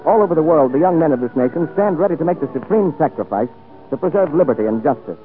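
A man announcing on a scripted 1940s radio show in a formal, measured delivery, heard as an old radio broadcast. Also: on the high side, expressive. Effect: old radio broadcast sound. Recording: tinny old radio broadcast, faint music.

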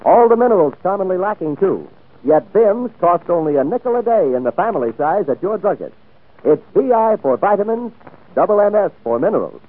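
A man reading a 1940s radio commercial as a brisk, emphatic sales pitch, heard as an old radio broadcast. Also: sing-song, phone-quality sound. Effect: old radio broadcast sound. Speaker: commercial announcer.

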